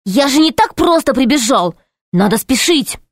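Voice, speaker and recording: A woman voicing an excitable young boy who pleads urgently in an audiobook story. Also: sits high, normal speed, no room sound, studio quality, voice pushed up, full character voice. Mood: pleading.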